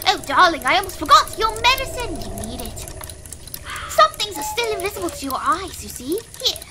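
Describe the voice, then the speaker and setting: A woman's voice: extremely high pitch, big pitch swings, normal speed, heavy background noise. A woman voicing an eccentric, kindly very old skeleton man in a theatrical game read-aloud. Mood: brisk, kindly.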